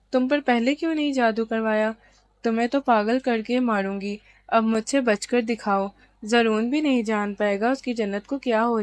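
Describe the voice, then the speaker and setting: A woman's voice: a little high, a little mellow, close to an everyday voice. A woman reading aloud as a scheming young woman who gloats over her revenge. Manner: gloating, vengeful, cackling.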